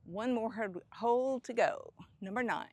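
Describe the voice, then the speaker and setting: A woman's voice: a little high, dry recording. A middle-aged woman hosting a casual golf vlog, chatting to herself on the course with a self-deprecating manner. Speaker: host.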